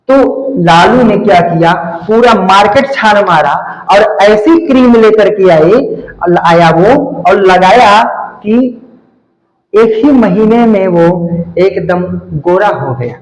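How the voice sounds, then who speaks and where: A male teacher giving a grammar lesson, explaining step by step, repeating key words and spelling them out letter by letter. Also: high-pitched. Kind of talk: classroom-style grammar lesson. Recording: echoey room.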